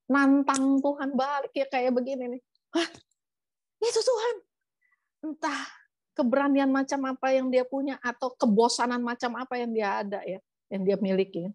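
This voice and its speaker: A woman pastor from Indonesia giving a casual, chatty sermon, lively and acting out the story's lines. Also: sits high, no echo. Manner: chatty, lively, acts out quotes. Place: church.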